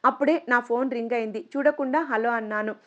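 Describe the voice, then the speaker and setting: A woman narrating a first-person story in a steady, even reading voice. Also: fairly high pitch, a little fast, lo-fi sound.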